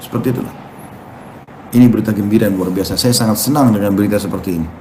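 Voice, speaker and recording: Male preacher, low voice, animated storyteller; echoey room with faint noise. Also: racing. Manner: animated storytelling, acting out quotes. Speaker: Islamic preacher. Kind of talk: sermon with questions and answers.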